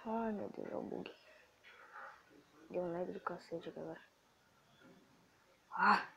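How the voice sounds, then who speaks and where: A male gaming host with a Brazilian Portuguese accent, excitable and swearing as he comments on his gameplay. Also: high-pitched, creaky, lo-fi sound, background noise. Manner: excitable, swearing, quick to frustration.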